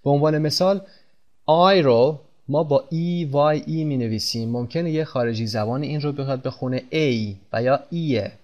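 A man teaching English pronunciation in Persian, speaking slowly and repeating example words with stress. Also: medium pitch, lo-fi sound. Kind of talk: pronunciation lesson.

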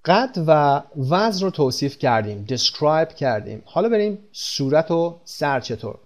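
A man teaching English vocabulary in a lesson, reading each English phrase slowly and explaining it quickly in Persian. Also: on the high side, very animated. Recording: dull lo-fi recording.

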